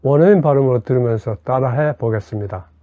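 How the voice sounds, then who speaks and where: A man teaching English grammar step by step and leading slow repetition drills. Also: medium pitch, soft background music. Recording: dull lo-fi dry recording.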